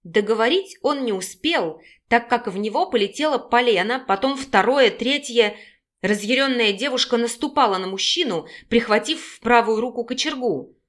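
Audiobook narrator, woman, expressive reader, somewhat high voice. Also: moderate pace.

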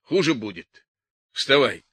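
A man voicing a stern, gruff militiaman who speaks in clipped commands in an audiobook. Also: mid-range voice, very animated, slow, fairly bright tone, no echo, full character voice.

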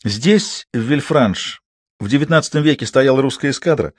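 A man voicing an excitable, aging French gentleman who proposes grandly and talks in effusive exclamations. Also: mid-range voice, normal speed, slightly rough, dry recording, studio quality, pitched above the performer's own voice. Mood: expansive.

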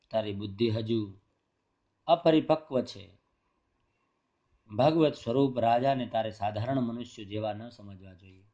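An elderly, calm sage, voiced by a man reading aloud explains and admonishes in a measured way. The tone is warm and mellow, and the recording has a dull lo-fi sound. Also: medium pitch, lightly acted. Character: elderly calm male sage, wise and reproving.

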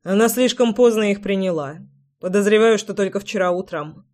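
A reader doing a calm, dry young man. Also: high voice, normal speed, natural voice.

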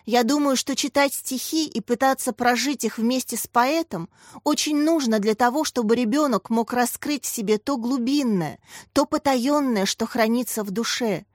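A woman's voice: a little high, normal speed, no room sound, studio quality, voice pushed up, natural voice. A woman voicing an eager, heartfelt young female teacher who recites poetry with emotion. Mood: earnest. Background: faint music.

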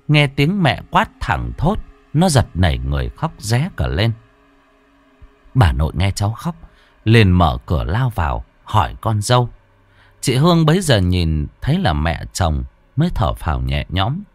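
A man narrating a ghost story in an expressive, animated storytelling manner. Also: no echo. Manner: lively, expressive storytelling with big pitch swings.

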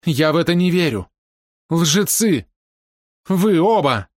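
Guy doing a high-pitched older lady, proud and upset, pleading then snapping, dry close sound. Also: a little fast, no room sound, natural voice. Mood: outraged. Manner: pleading, indignant, breaking into outbursts. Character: proud distraught older woman, fiercely defending her brother.

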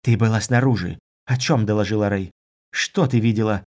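A man voicing an indignant young female dancer, shrill and demanding, in an audiobook. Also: moderate pace, darkish tone, lightly acted.

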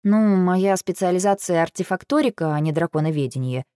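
A woman reading a first-person audiobook, lively and exasperated in her delivery. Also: lowish voice, a little fast, dry recording, studio quality. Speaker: audiobook narrator.

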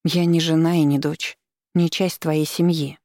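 Brief: stubborn, bashful young heroine, slightly raised voice, gravelly, dry, as the reader puts her on. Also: mid-range voice, little pitch movement, a little slow, darkish tone, no room sound, lightly acted. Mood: shy. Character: stubborn, shy nineteen-year-old girl.

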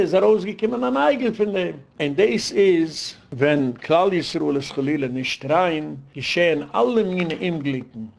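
A rabbi giving a Torah talk in a gravelly, fry-laden voice that sits fairly high for a man. He preaches with a sing-song lilt and keeps asking rhetorical questions. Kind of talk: Yiddish Torah sermon.

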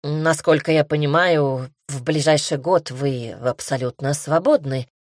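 A woman's voice: deep voice, a little slow, dry recording, studio quality, pitched below the performer's own voice. A woman voicing a haughty, stubborn male lord and single father in a fantasy audiobook, speaking curtly. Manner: arrogant, curt.

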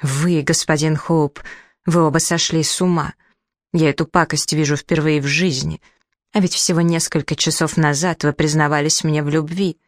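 A reader performs the part of a plump, indignant middle-aged widow, voicing her theatrical complaints with shrill outrage. The underlying voice sounds close to everyday speech, steady and at normal speed, in a studio-quality recording free of room sound.

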